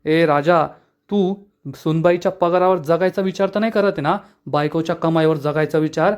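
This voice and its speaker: A man's voice: a little high, normal speed, a little mellow, smooth, lightly acted. A man reading the lines of a stern, protective older father-in-law.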